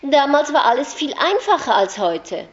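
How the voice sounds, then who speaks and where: Brief: earnest, soft-hearted woman, raised and indignant, as a woman reader voices her, lifted pitch, dull lo-fi sound. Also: normal speed, lightly acted. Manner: sorrowful, indignant, pleading.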